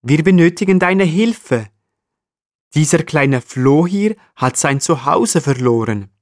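A man's voice: fairly high pitch, lively intonation, takes it slowly, voice pushed up. A man doing Eddie, an itchy marmot. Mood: eager. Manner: annoyed, then eager. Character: itchy grumpy male marmot. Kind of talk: storybook voice.

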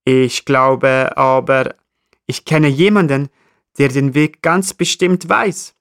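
A man's voice: mid-range voice, steady tone, slow pace, fairly bright tone. A man voicing an itchy, grumpy male marmot in a children's story. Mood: eager. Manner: annoyed, then eager.

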